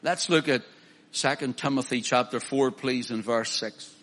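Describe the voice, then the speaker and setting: A male preacher, delivering a sermon, swinging from loud emphatic declaiming to quiet pleading. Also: mid-range voice, moderate pace.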